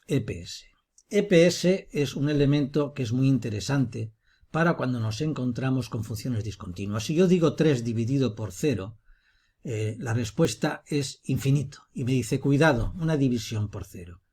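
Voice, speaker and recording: A teacher with a husky, slightly breathy, mid-pitched voice guides viewers through a screen-recorded software lesson. He explains each step patiently and methodically, with lively intonation at normal speed.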